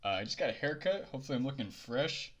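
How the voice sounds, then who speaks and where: A young man chatting to camera in a loose, rambling way, full of ums and restarts. His voice sounds bright and a bit tense, at a middle pitch for a man. He is slightly winded, as if just back from a workout. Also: lively intonation, fast talker, breathy edge. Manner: rambling, filler-heavy, laid-back. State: out of breath after a workout. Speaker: poker vlogger. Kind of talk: casual chat to camera.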